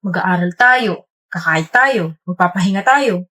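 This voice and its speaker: A woman playing a caring, teasing young boyfriend in a comedy skit, gentle and coaxing. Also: on the low side, animated, unhurried, pitched below the performer's own voice, exaggerated voice.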